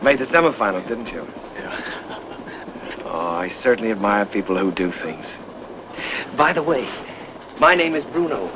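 Brief: actor doing a teasing, overly familiar stranger on a train; animated pitch, muffled vintage film audio. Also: male voice, moderate pace, pauses often, lightly acted. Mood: ingratiating. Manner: ingratiating, chatty, teasing. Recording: dull lo-fi old film soundtrack with train noise.

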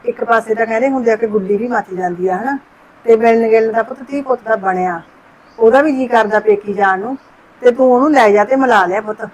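Actress as an older mother-in-law, soft, coaxing, motherly, slightly high voice. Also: brisk, a little hiss or hum, close to an everyday voice, poor audio. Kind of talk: village family short-film acting.

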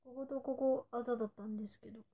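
Her voice is a little high, steady and dark-toned, and she talks very fast over dull audio. This idol in her twenties chats casually on a livestream for her fans, reading their comments aloud playfully and sometimes slipping into a whisper.

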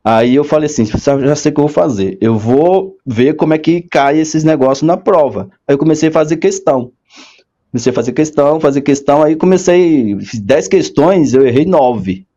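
A man telling his story as an interview guest in a relaxed way, acting out what people said. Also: moderate pace, dull audio. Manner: animated storyteller, acts out quoted dialogue with big pitch jumps. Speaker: guest, court clerk.

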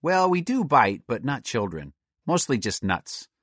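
A man's voice: mid-range voice, sing-song, measured pace, fairly bright tone, dry recording, voice pushed up. Man voicing a small female squirrel, sensible, matter-of-fact, dry close sound. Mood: calm reassuring.

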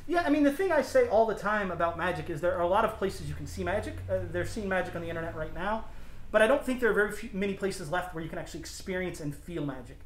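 A man in his thirties, a magic shop owner, talking casually about his shop and doing card-trick patter with playful, deadpan jokes. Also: sits high, quick pace. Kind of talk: casual demonstration and interview. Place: inside a small shop, indoors. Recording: echoey shop room with faint background noise.

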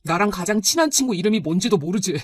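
A woman's voice: mid-range voice, expressive, quick pace, slightly rough, no room sound. Resentful teenage son, pointed and reproachful, read by a woman narrator. Dry, close sound. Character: nineteen-year-old son, resentful but gentle with grandmother. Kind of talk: storybook narration.

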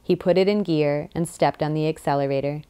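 A woman reading a novel aloud as an audiobook narrator, measured and vivid. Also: deep voice, fairly even intonation, very noisy. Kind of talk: scripted narration.

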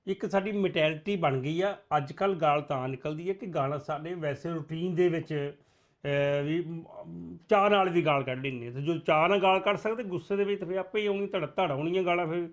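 A man hosting a call-in talk show, friendly and lively, telling folksy anecdotes between callers. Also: fairly high pitch, brisk. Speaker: host.

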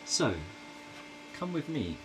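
A man's voice: a little high, big pitch swings, slow. A man who tinkers with electronics, casually asking his viewers a question and hesitating often with ums and uhs. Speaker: electronics hobbyist. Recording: noisy home video recording.

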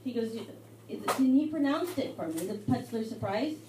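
A young woman from Mexico doing a live stand-up set in a pub, with a halting, rambling delivery full of fillers. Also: fairly high pitch, animated, distant mic, noisy background. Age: young adult. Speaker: stand-up comedian. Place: hotel pub comedy night. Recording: echoey live room miked from afar with loud crowd. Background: audience chatter and laughter.

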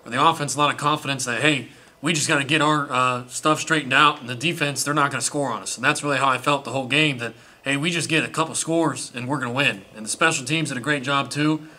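Speaking quickly and with a sharp edge, this young adult quarterback answers reporters after the game, sitting before a sponsor backdrop in an indoor press room. His pitch is medium. He's earnest, though his sentences often stop and start again.

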